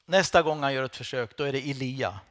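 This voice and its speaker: A man preaching a sermon, retelling scripture with dramatic storytelling, swinging between loud outbursts and hushed lines. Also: medium pitch.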